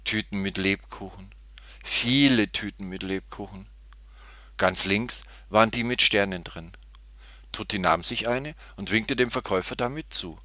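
Male storybook narrator: lowish, bright, very animated delivery, dry studio sound. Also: unhurried, no room sound. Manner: expressive, animated. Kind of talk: storybook reading.

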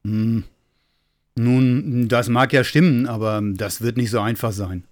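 A man voicing a wise, cozy old male polar bear who talks slowly and grumbles. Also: medium pitch, lightly acted. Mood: calm. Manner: slow, calm and grumbling.

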